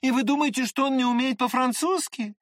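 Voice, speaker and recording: A reader voicing an excitable, pretty teenage boy who chatters eagerly in an audiobook. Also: sits high, fairly quick, dry recording, clean studio sound, voice pushed up, natural voice. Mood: chattering.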